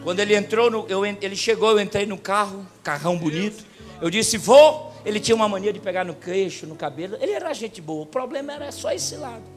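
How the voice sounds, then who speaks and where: A man preaching a sermon as a pastor, telling stories and swinging from soft talk to loud preaching. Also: sits high, lively intonation, fast talker. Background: music.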